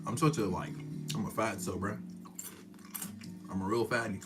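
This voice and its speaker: A man's voice: lowish voice, steady tone, normal speed. A young man chatting casually on a livestream, slangy and self-mocking, talking while he eats snacks. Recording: loud music behind. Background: loud music.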